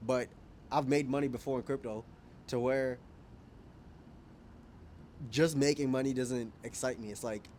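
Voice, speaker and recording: Outdoors as dusk falls, a vlogger in his twenties from Kenya muses openly to camera, chuckling at himself in a casual, reflective way. He has a mid-range, slightly mellow voice, and the recording carries a little hiss or hum.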